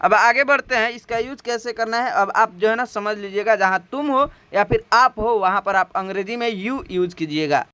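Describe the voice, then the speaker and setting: A man's voice: sits high, normal speed, few pauses, bright, forceful tone, smooth, no echo. A man with a Hindi accent teaching English to Hindi speakers, spelling out words, repeating them and asking his viewers questions. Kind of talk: spoken language lesson.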